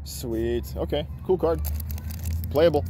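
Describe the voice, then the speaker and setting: A man casually commenting on opened cards, enthusiastic and quick with asides. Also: on the high side, warm tone, slight background noise. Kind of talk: casual card-opening chat.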